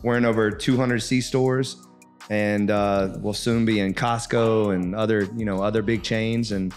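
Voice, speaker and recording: A man's voice: on the low side, fairly even intonation, measured pace, roomy sound, faint music behind. A man in his thirties hosting a podcast, talking in an earnest, upbeat way with plenty of fillers. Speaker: podcast host. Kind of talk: casual podcast interview.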